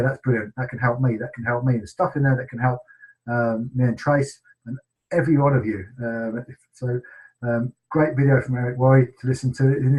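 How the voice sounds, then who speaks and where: A man's voice: medium pitch, poor audio. A middle-aged man with an English accent, hosting a team sales webinar in a casual, enthusiastic way with many ums and restarts.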